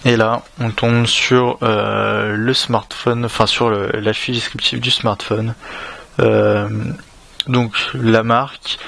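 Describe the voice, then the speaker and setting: A man's voice: mid-range voice, vocal fry. A man with a French accent giving a casual unboxing commentary, hesitant and full of fillers and restarts. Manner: casual, relaxed. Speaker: tech reviewer.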